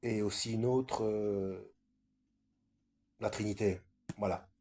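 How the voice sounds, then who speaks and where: Husky, hesitant man talking scripture. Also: lowish voice, steady tone, takes it slowly, mellow. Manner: hesitant, many fillers and self-corrections. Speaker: Bible study video maker. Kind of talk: casual solo talk on scripture.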